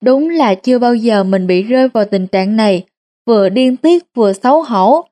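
A woman narrating a storybook tale in the first person. Her voice sits a little high, and she keeps a steady, plain reading tone. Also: normal speed.

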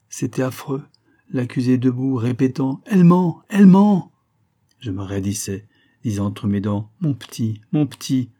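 This is an audiobook: a man with a fairly low, mellow voice reads a novel, acting lightly as he voices a dying woman once guilty of false witness. Anguished, she confesses and pleads, repeating words in despair.

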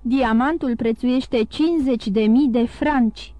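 A woman voicing a calm, sly male priest who talks in an even, coaxing way in an audiobook. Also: a little high, no echo, close to an everyday voice.

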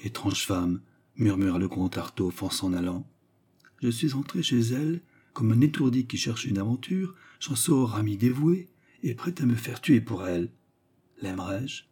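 A man's voice: medium pitch, expressive, normal speed, dark tone, slightly rough. A man reading aloud and voicing an earnest, impulsive young Russian nobleman. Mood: wondering.

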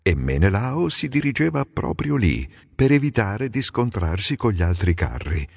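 Expressive male audiobook narrator. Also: fairly low pitch, gravelly, breathy edge, dry recording, studio quality, in a large hall. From Italy. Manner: expressive, measured storytelling.

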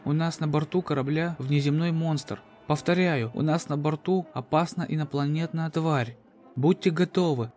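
Man playing a strained, high-pitched desperate ship captain. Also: normal speed, a little mellow, natural voice. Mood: urgent alarm. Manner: urgent, strained, commanding. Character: desperate wounded male spaceship captain raising the alarm. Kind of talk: sci-fi horror audio drama.

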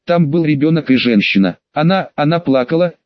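A man's voice: a little high, animated, no echo, highs cut off, lightly acted. A man voicing a frightened, exhausted young male agent who stammers and halts. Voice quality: shaky, halting, stammering.

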